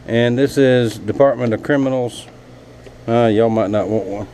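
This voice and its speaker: A man's voice: mid-range voice, normal speed, mellow, slight background noise, rough recording. A man, a knifemaker chatting casually and folksily to his viewers from his home workshop. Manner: rambling, folksy, talks to viewers as y'all. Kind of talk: casual vlog chat.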